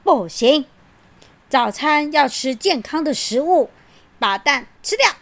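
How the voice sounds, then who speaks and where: A woman's voice: high voice, animated, takes it slowly, a bit bright, voice pushed up, full character voice. A woman voicing a strict, grumpy father king who scolds and gives orders. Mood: bossy. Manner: bossy, scolding.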